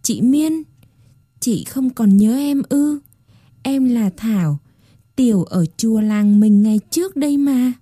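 A soft-spoken, devoted Buddhist nun, pleading and close to tears, read by a woman storyteller. Her voice sits a little higher and lighter than the narration, with a warm, husky edge and a hushed, slow delivery. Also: animated, dry recording. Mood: tender, pleading. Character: gentle aging Buddhist nun, tearful and devoted.

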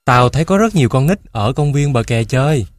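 A man's voice: mid-range voice, lively intonation, a little fast, no echo, studio quality, natural voice. A man voicing a pushy street boy. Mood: persuading. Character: boastful street boy selling lottery tickets.

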